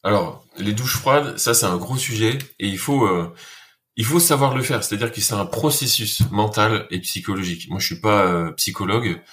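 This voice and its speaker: A man who served in the military, telling an interviewer about training in an earnest, halting way with many fillers. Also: fairly low pitch, fairly bright tone. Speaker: guest, former soldier. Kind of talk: casual interview.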